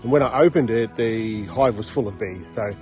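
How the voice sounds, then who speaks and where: A man's voice: lowish voice, normal speed, a little mellow, faint music behind. A middle-aged man vlogging casually and plainly about what he is doing, outdoors beside buzzing beehives. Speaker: hobby beekeeper vlogger. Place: outdoors in a rural yard among beehives. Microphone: handheld phone camera at arm's length.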